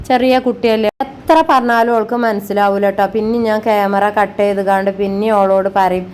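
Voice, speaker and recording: Chatty homey woman vlogger. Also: mid-range voice. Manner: affectionate, calls viewers "children", frequent tag particles. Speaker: family vlogger. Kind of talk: homey chatty voice-over about housework.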